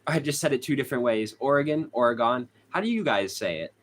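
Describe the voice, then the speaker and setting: A fast-talking young man with an expressive, mid-range voice and a Boston accent runs a casual true crime livestream. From a hot room at home, this channel host reads viewer comments aloud, chats with his audience, and laughs often.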